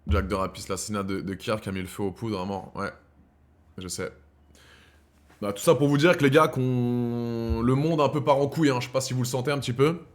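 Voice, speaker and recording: A mid-range voice with fairly even intonation and a fairly quick pace belongs to a live-stream host in his thirties. He rambles to viewers he calls brothers in slangy, casual talk that swings from heated rants to quiet musing.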